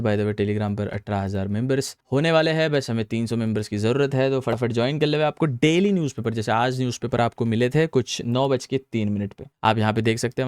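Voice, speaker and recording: A man's voice: medium pitch, clean tone, no room sound, studio quality. A young man from Vidarbha hosting a stock market channel. He reads news headlines aloud and breaks into heated rants, switching between Hindi and English. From Vidarbha, India.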